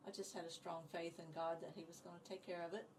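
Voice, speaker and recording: A woman's voice: lowish voice, level tone, fast talker, background noise. A woman in her seventies from Indiana, a guest in a casual interview, telling stories in an upbeat, chatty way. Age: 70s. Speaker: interview guest, community group founder. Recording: voice picked up from a distance.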